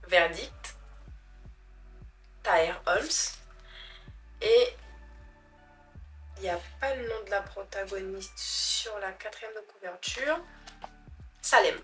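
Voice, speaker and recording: Slow-talking chatty young Frenchwoman. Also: medium pitch, a bit bright. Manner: chatty, self-mocking, stumbles over foreign names. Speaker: book vlogger. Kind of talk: casual chat about books.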